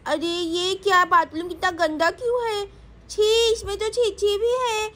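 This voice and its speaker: A woman's voice: very high-pitched, little pitch movement, a little slow, fairly bright tone. Woman voicing a fussy demanding little girl. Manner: complaining, insistent.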